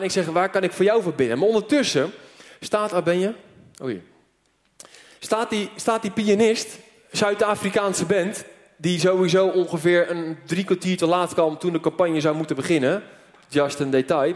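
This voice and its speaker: A man preacher telling a story in an animated sermon, full of fillers, before a church audience. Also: high voice. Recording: long hall reverb.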